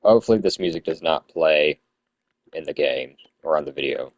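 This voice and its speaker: A man's voice: rumbling low, expressive, moderate pace, no room sound. A young man giving casual gameplay commentary in a stoned, rambling, easily sidetracked way, swearing freely. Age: young adult. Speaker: gamer recording commentary.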